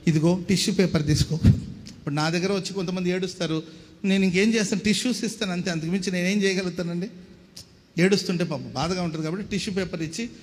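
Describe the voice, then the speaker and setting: A male pastor preaching emphatically to a congregation, urging them to answer back and dropping English words into his sermon. His voice sits somewhat high and rings out with a long hall reverb. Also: fast talker.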